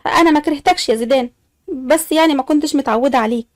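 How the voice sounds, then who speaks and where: A young wife pleads with and coaxes her husband in an Egyptian accent, played by the narrator. Her voice is high and quick. The recording is dry and close. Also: no echo, natural voice. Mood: pleading. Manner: pleading, coaxing.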